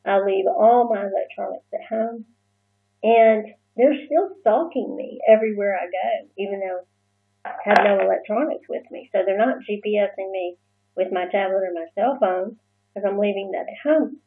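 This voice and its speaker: A woman talks straight to the camera in a casual personal vlog, her voice carrying a gravelly fry. She hesitates often, filling gaps with fillers and restarting her sentences. The sound is thin and phone-like, as if from a low-quality recording. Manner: halting, many fillers and restarts.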